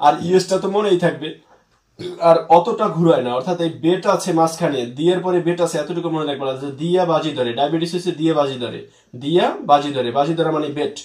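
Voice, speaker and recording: A man's voice: fairly high pitch, fast, a little mellow, echoey room, far from the mic. A man teaching English spelling to students, patiently repeating words and spelling them out letter by letter.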